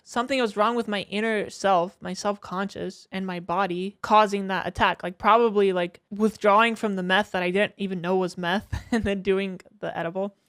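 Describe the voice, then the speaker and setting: A woman's voice: mid-range voice, fairly bright tone, no echo, studio quality. A young woman streamer telling a long personal story in casual, rambling talk, swearing and laughing often.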